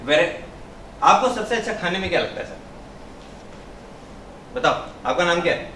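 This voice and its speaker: A high-pitched male trainer leads a workshop, hammering key words and firing questions at the room. He is heard from a distance in a reverberant hall, with faint noise in the background. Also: lively intonation, moderate pace, sharp tone. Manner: emphatic, quizzes the audience, mixes in English. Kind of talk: interactive workshop teaching. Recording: echoey room, far from the mic, faint noise.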